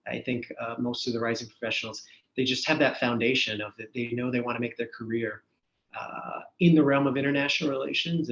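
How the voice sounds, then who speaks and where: A man's voice: mid-range voice, fairly bright tone. A man moderating a panel, polite, thanking speakers and handing over questions. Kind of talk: panel discussion. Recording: echoey, muffled room audio.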